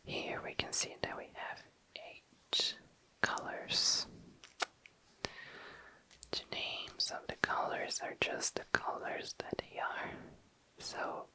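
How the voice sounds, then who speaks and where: This ASMR creator talks slowly with long pauses, using a breathy, unvoiced whisper right up against the microphone. Words linger gently, like a laid-back show-and-tell. The audio quality is poor.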